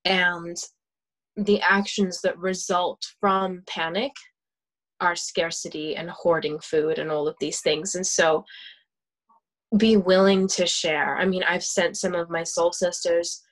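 A woman's voice: fairly low pitch, flat delivery, takes it slowly, rough recording. A woman in casual conversation about oracle cards and spirituality, chatty, with many fillers and frequent laughs. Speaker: guest.

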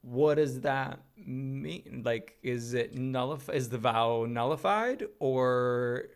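A man in his thirties, co-hosting a podcast and chatting casually with an animated, storytelling manner. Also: mid-range voice, slow, smooth. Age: 30s. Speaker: podcast co-host. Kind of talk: casual chat.

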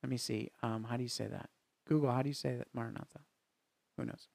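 A man co-hosting a casual faith podcast, talking earnestly in halting phrases with frequent restarts. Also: medium pitch, steady tone, gravelly, a little mellow, no echo. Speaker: podcast co-host.

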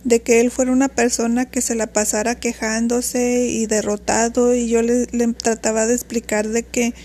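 A woman's voice: a little high, flat delivery, moderate pace, dark tone. A woman, telling a personal story in an earnest, reflective way. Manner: earnest, reflective, recounting at length.

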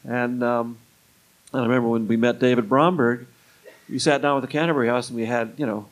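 Fast and steady in tone, an older man with a mid-range voice tells anecdotes in an interview, wandering conversationally and quoting what people said. He's a retired music club booker. The audio quality is poor.

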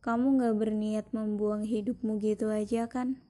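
A gently worried friend, as a woman reads the part. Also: medium pitch, level tone, unhurried, lightly acted. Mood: concerned. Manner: gentle, concerned scolding. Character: caring worried friend checking in.

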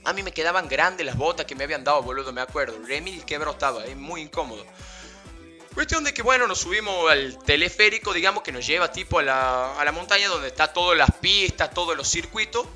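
Young guy, bright and lively delivery, slangy rambling storyteller, faint music underneath. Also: on the high side, quick pace. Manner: slangy, animated, laughing, rambling with fillers. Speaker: vlogger. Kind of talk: casual storytelling anecdote.

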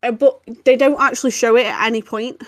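Giggly woman, higher voice. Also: brisk, no echo, clean studio sound. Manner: giggly, animated, laughs often. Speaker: podcast co-host. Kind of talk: casual chat.

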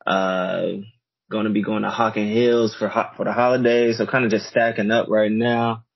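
A man co-hosting a podcast, telling rambling, relaxed stories over an echoey internet call. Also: fairly low pitch, normal speed, creaky, muffled recording. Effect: internet call audio with echo. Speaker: podcast co-host and DJ. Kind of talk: casual chat. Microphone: internet video call.

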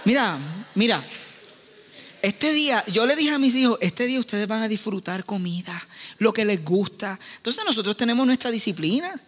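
High, bright-voiced joking male preacher. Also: normal speed, big-room sound, slight background noise. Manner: animated, joking storyteller who acts out family members. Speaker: pastor. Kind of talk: sermon.

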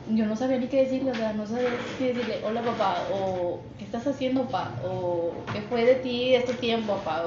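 Young mexican woman telling a story on a podcast, kinda high voice, echoey muffled office. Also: background noise. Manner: emotional, chatty, laughs often. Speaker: podcast guest. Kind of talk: casual storytelling.

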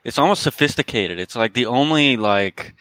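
A man's voice: medium pitch, expressive, normal speed, fairly bright tone, no echo, low-quality recording. A man co-hosting a casual podcast chat, rambling and joking with lots of fillers. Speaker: crypto podcast co-host.

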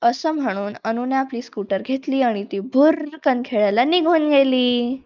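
A woman storyteller reading a children's storybook aloud in an expressive way. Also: high-pitched, moderate pace, no room sound. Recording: dull lo-fi recording.

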